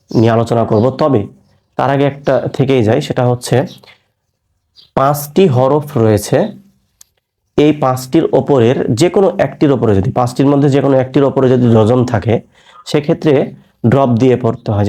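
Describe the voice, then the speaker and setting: A man teaching Quran reading in an online class, patiently spelling out letters and sounds and asking learners quick check questions. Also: medium pitch, dark tone. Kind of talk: recorded online lesson.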